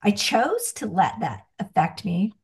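A woman in her forties, a guest on a faith-based chat, talking in a halting way with many restarts. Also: medium pitch, big pitch swings, creaky, slight background noise. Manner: halting, restarts, laughs often. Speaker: guest, coaching client.

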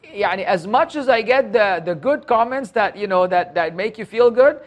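A man in his forties with a noticeably high-pitched voice chats on a podcast. He talks candidly and pokes fun at himself, often restarting his sentences mid-thought. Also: expressive, moderate pace. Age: 40s. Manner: candid, self-deprecating, lots of restarts. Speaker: podcast guest, Islamic preacher. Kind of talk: casual podcast conversation.

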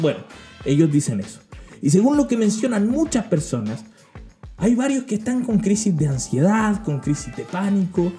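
Playful Chilean man, lively pitch. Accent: Chilean Spanish. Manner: playful, self-mocking, mimics voices. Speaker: podcast host. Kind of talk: humorous faith monologue.

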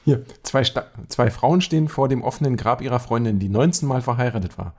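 A man co-hosting a podcast, chatting casually and telling jokes of his own in a relaxed way. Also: medium pitch, brisk. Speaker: podcast co-host. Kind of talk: casual joke-telling chat.

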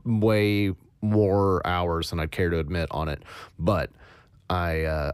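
A man walks through his sound design process in a casual tutorial, pausing often to find his words. His voice is low, even and monotone, with a smooth, clear tone. The recording is close and dry. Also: no room sound. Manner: hesitant, many fillers, thinks aloud.

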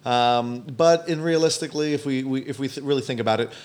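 A man's voice: medium pitch, fairly even intonation, fairly quick, a little mellow. A young man hosting a podcast, chatting casually and playfully teasing his guest. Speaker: podcast host.

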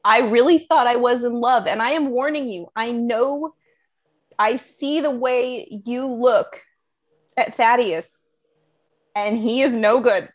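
A woman playing a weary, bitter English teacher in a comedy radio play, halting and defensive. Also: fairly high pitch. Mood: warning. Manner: halting, throat-clearing, earnest warnings.

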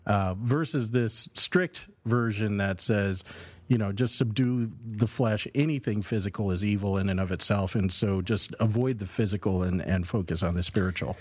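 On a theology podcast, a man co-hosts as a Lutheran pastor, explaining ideas casually and conversationally with a slightly wry edge. His voice is on the low side, darkish and husky, at a moderate pace.

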